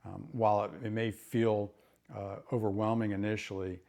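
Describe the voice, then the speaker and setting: A man's voice: lowish voice, level tone, moderate pace, vocal fry, dark tone. A middle-aged man, a therapist, explaining recovery ideas in an earnest way and often repeating words as he starts a thought. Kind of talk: educational talk to camera.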